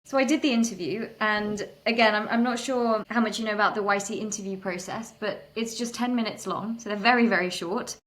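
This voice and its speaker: A woman's voice: mid-range voice, steady tone, brisk, hardly any pauses, fairly bright tone. A young adult woman, a startup founder, telling her story in a candid, self-deprecating way with frequent restarts. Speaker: startup founder, interview guest. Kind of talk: conversational storytelling interview.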